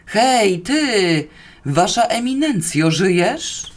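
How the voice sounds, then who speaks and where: A woman's voice: lowish voice, sing-song, measured pace. A woman voicing a flustered middle-aged male guard who hollers down a shaft in exasperation. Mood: bellowing.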